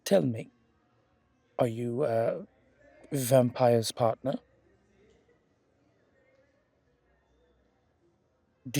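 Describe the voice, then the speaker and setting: A man performs a charming museum guide from a supernatural town in an intimate, conversational ASMR roleplay monologue, recorded close and dry with no echo. His gravelly, husky voice is medium in pitch and a little mellow. Earnest and firm, he chats in a genteel, flirtatious way, with hesitant little asides and emphatic repetitions.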